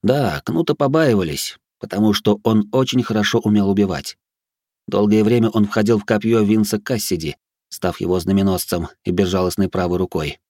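Low-voiced man narrating a fantasy audiobook. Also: dry recording, studio quality. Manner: steady, measured reading. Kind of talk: scripted first-person narration.

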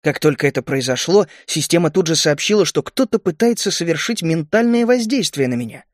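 A man reading first-person fantasy narration in a steady, measured way. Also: on the high side, no room sound, studio quality. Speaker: audiobook narrator.

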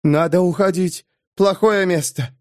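A woman's voice: unhurried, a little mellow, no room sound, clean studio sound, lightly acted. A man voicing a frightened wild-haired woman who shrieks in short, broken phrases in an audiobook. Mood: urgent. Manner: shrill, broken short cries. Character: frantic wild-haired woman, fearful, simple speech.

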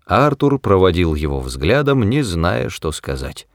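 A man reading a comic novel aloud as narrator, expressive and dry. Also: deep voice, measured pace, no room sound. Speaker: audiobook narrator. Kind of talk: scripted narration.

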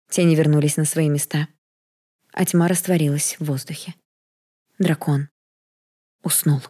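A woman reading a first-person fantasy novel aloud in a steady, measured way. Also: deep voice, breathy edge. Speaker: audiobook narrator.

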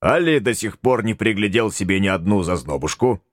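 A man's voice: lowish voice, lively intonation, fairly quick, no echo, studio quality. A man voicing a folksy, bossy tsar in an audiobook, talking bluntly in homespun old-fashioned speech. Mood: chiding. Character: folksy bossy male tsar, middle-aged. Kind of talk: audiobook character voice.

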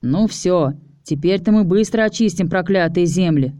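A reader puts on a cocky young nobleman bragging to a crowd. The mellow voice sits in a dry, close recording. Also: high-pitched, moderate pace, no room sound, lightly acted. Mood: boastful. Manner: bragging, rousing. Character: boastful young adult male nobleman, cocky.

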